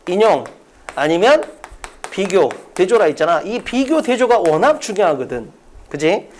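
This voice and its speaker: A man giving a test-prep English lecture in a brisk, emphatic classroom style, often asking a question and answering it himself. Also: high voice.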